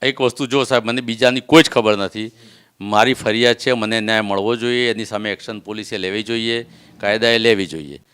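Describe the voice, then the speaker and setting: Insistent man, fast and clear. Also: fairly low pitch, fairly even intonation, fairly bright tone. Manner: insistent, swears oaths, reenacts threats. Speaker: complainant doctor. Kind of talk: emotional testimony.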